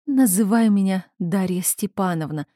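A woman's voice: mid-range voice, warm tone, dry recording, studio quality, natural voice. A woman voicing a hysterical, melancholy young noblewoman who sobs and lashes out. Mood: distraught. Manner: sobbing, drawn-out, raised outbursts.

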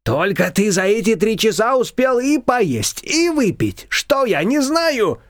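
A man voicing a quarrelsome older female shop owner who scolds in shrill tirades. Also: sing-song, unhurried, no echo, clean studio sound. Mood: scolding.

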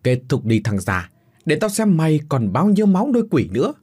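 A man puts on a vengeful demon spirit who mocks its victims and craves blood. The voice is dark and husky, with menacing swings in pitch, as in a spooky storytelling recording. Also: very animated, a little fast. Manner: taunting, menacing.

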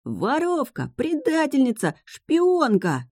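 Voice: normal speed, darkish tone, dry recording, studio quality, natural voice. A reader voicing a panicking, vain middle-aged male ambassador who shrieks and wails, in an audiobook. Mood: shrieking. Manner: shrill, wailing and shrieking. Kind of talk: audiobook character voice.

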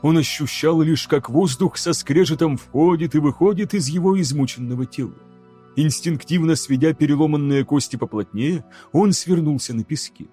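A man narrating an audiobook in a measured, dramatic reading style. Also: fairly high pitch, warm tone, husky, soft background music. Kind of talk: scripted narration.

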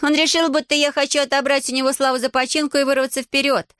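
Lady reading a bossy little witch girl, high and quick, kinda sarcastic, audiobook style. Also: flat delivery, a bit bright, no echo, studio quality. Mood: explaining.

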